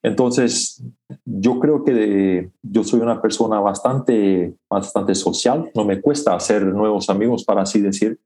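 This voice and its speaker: A man from Paraguay speaks as an interview guest, his voice on the low side. His is Plautdietsch, and he talks in a thoughtful, measured way, stopping often to gather his words. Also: mellow. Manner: thoughtful and measured, with frequent "eh" pauses. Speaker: guest, academic. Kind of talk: conversational interview.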